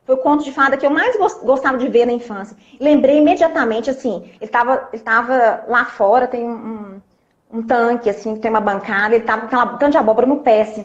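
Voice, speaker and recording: A woman coach, telling a story in a lively chat and acting out the dialogue. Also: a little high. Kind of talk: live-stream conversation, storytelling. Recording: dull lo-fi live-stream audio.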